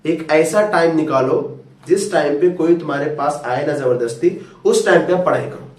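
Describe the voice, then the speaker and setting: A man's voice: fairly high pitch, moderate pace. Fatherly tutor, roomy and distant. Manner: fatherly, coaxing, calls listeners "beta". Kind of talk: motivational talk to students. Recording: roomy echo, far from mic.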